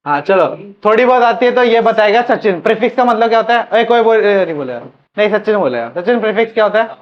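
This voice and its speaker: A man's voice: high-pitched, expressive, quick pace. Guy teaching chemistry in class, keeps asking and repeating answers, muffled lo-fi sound. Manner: repeats questions and drills answers to students.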